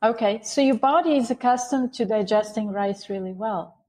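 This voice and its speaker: Animated woman explaining as a guest. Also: a little high, moderate pace, breathy edge. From Bulgaria. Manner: explanatory, animated, with frequent restarts. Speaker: guest, Ayurveda author. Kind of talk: interview conversation.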